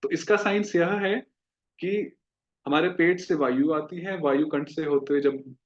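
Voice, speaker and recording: A man with a slightly raised voice teaches pronunciation, speaking at a very unhurried pace. He drawls out example words and keeps turning to his listeners with questions. The recording sounds dull and lo-fi. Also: fairly high pitch, a little hiss or hum. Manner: slow, drawn-out demonstration of each word; explains patiently with questions to listeners. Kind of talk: classroom lesson.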